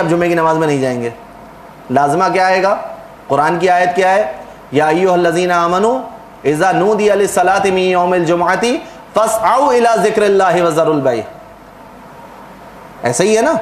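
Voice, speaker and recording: A man's voice: high voice, roomy sound, slight background noise, rough recording. A man giving a religious lecture in a sermon style, explaining at length and putting questions to the audience before answering them himself.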